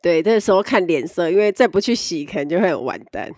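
A woman's voice: lowish voice, lively intonation, fast, a little mellow, dry recording. A woman host in casual interview chat, asking questions and reacting expressively.

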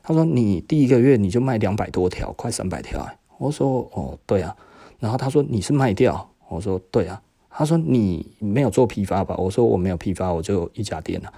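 A middle-aged Taiwanese Mandarin man hosts his podcast in a relaxed storytelling way. His voice sits low and mellow, with a husky edge. He plays out old conversations, switching between himself and the other person. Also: brisk. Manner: chatty, acts out both sides of old conversations. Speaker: podcast host, shop owner. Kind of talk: casual storytelling.

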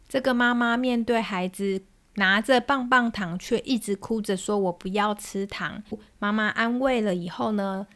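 Taiwanese mom hosting a parenting podcast, gentle storyteller, 30s, mid pitch. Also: female voice. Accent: Taiwanese Mandarin.

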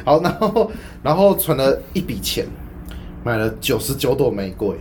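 A man with a Taiwanese Mandarin accent telling a childhood story in casual chat, animated, acting out quotes and laughing often. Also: medium pitch, moderate pace, crowd noise.

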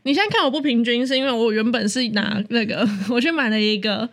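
A young woman, co-hosting a casual chat and telling a story in an animated way, laughing often. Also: on the high side, fast talker. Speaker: co-host.

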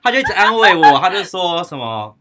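A young man chatting casually, speaking quickly and a bit reluctantly about an old memory. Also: sits high, very animated, a crowd in the background. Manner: quick, soft-spoken, reluctant to revisit the memory. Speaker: guest recounting a story. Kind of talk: casual chat.

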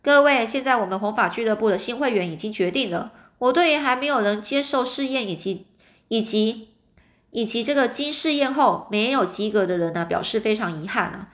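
A woman's voice: fairly high pitch, brisk, a bit bright, lightly acted. A woman reading a storybook aloud, voicing a short red-haired man who is fussy and overly polite and keeps repeating himself. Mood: smooth, polite. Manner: ingratiating, repeats his words.

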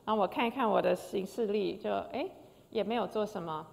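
Gravelly older woman telling an emotional story. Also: medium pitch, a little fast, darkish tone. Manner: emotional storytelling with frequent hesitations. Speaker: concert pianist. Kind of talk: personal testimony. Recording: long hall reverb.

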